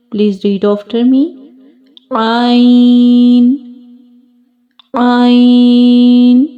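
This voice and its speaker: A woman teaching a slow alphabet lesson for children, deliberately repeating each sound for pupils to copy. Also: fairly high pitch, highs cut off. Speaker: Quran teacher.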